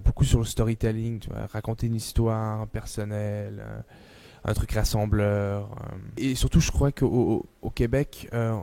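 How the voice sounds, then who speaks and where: A man answers interview questions in a loose, slangy way. His voice sits low and sounds mellow. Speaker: actor.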